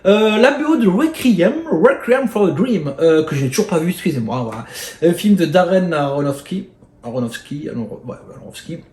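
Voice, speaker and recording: A man with a Marseille accent, chatting casually to camera about his bargain finds, excitable and rambling with lots of fillers and mild swearing. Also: on the high side, moderate pace. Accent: Marseille French. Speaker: video host showing flea-market finds. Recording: echoey room with faint noise.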